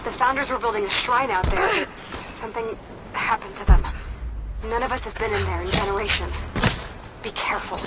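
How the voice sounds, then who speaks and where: A woman's voice: mid-range voice, a little fast, natural voice. Actress for cautious woman guide, earnest tone, heavy ambience. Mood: cautioning. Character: wary woman guide of a hidden people. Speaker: game character, local guide on radio. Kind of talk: radio guidance. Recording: loud noisy game ambience.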